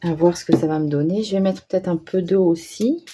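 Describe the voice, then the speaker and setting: Working on an art journal page, a woman craft vlogger gives casual commentary, hesitating as she thinks aloud and poking a bit of fun at herself. Her voice is on the low side and dark, a little fast, with slight hiss or hum in the recording.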